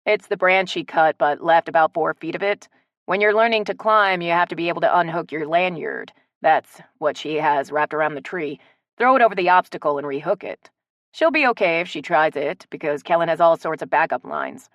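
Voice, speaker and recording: A woman's voice: low-pitched, fairly quick, fairly bright tone, dry recording, lo-fi sound. A woman voicing a wry joking man. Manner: wry, mock-formal.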